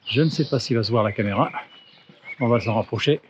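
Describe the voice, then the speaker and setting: A man's voice: medium pitch, quick pace. A man from France guiding viewers through a town in a casual travel vlog, thinking aloud with many fillers and restarts, recorded outdoors on a handheld camera. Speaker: travel vlogger. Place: outdoors in town streets and on a bridge. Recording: muffled with loud outdoor noise. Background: outdoor ambience and wind.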